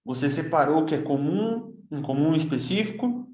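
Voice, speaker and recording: Brazilian male teacher, higher voice, slow patient drills of English words; roomy, muffled lo-fi sound. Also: lively intonation, a little mellow. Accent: Brazilian Portuguese. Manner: slow, patient explaining, repeating words for pronunciation. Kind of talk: bible-based English lesson. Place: room near a construction site. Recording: echoey room, dull lo-fi sound.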